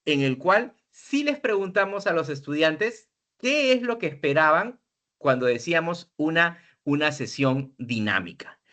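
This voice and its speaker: A man training university teachers, talking in an animated way, with many tag questions and repeated words, recorded indoors at a computer. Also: fairly high pitch, measured pace. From Peru. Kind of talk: training talk to teachers on video lessons.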